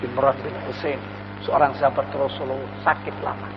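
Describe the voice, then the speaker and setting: Older preacher, reverberant hall. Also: male voice, medium pitch, flat delivery, a little fast, gravelly. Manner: storytelling, acts out quoted voices. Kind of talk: dawn sermon. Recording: lo-fi recording in a reverberant hall with faint noise.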